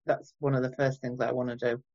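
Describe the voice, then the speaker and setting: A woman co-hosting a podcast in casual chat, lively and teasing. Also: a bass voice, fast, dull audio. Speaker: podcast co-host.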